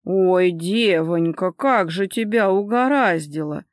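A woman voicing a fussy older housekeeper who laments and fusses in a drawn-out way. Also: lowish voice, no room sound, studio quality. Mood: fussing. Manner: fussing and lamenting.

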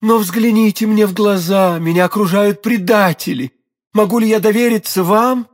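A man's voice: high voice, measured pace, a little mellow, pitched above the performer's own voice. A man reading an audiobook, voicing a frightened proud queen with anxious, pleading outbursts. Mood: alarmed pleading.

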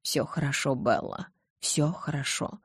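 A woman reading the part of a calm, icy vampire man, speaking low and measured. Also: vocal fry, slightly rough, dry recording, studio quality, full character voice. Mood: cold calm.

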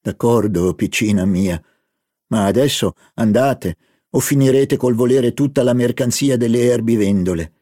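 A man voicing a guarded, indulgent man in an audiobook, speaking in a low, measured, soothing way. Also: warm tone, no echo, studio quality, lightly acted. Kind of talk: audiobook character voice.

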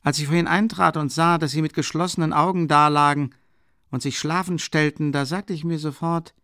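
A man's voice: fairly high pitch, steady tone, normal speed, pushed and bright, no echo, studio quality, pitched above the performer's own voice. A man reading an audiobook, voicing a worldly middle-aged man who talks in a raised, wondering, rambling way.

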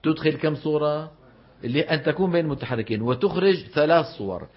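A man teaching recitation rules to a class, questioning his students and reciting examples slowly. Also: fairly high pitch, breathy edge. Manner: explains with frequent questions to the class. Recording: dull lo-fi recording.

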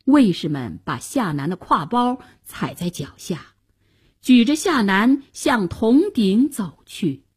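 A woman narrating a story for radio at an unhurried pace. Her voice is strongly breathy and husky. Her pitch sits somewhat high and moves animatedly through the telling. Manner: slow, expressive, lively storytelling.

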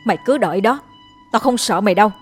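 A woman's voice: mid-range voice, expressive, quick pace, lightly acted. A furious husband in a ghost-story audiobook scolds and threatens in defiance, as a woman reads him close to her own voice. Faint music sits behind him.

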